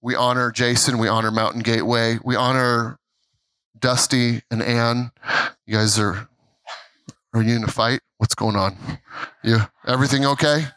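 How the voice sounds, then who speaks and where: A man's voice: mid-range voice, sharp tone, dry recording, low-quality recording. A man, the pastor, introducing a guest speaker and leading a prayer at a church service, emphatic and repeating words as he builds up.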